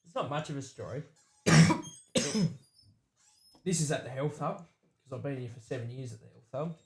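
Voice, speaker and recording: Australian podcast host in an echoey room. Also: male voice, mid-range voice, lively intonation, normal speed, a little mellow. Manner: laid-back, swears, tells workplace stories. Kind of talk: casual pub-style banter.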